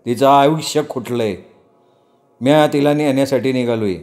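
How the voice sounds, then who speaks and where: A shy young herdsman, voiced by a male storyteller, talks in plain rustic village dialect. He sounds close to the narrator's own voice, just rougher and more homely. He is humble and a little awkward in how he speaks. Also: mid-range voice, normal speed, darkish tone, soft background music, natural voice. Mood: mock-grand. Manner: rustic village speech, sheepish.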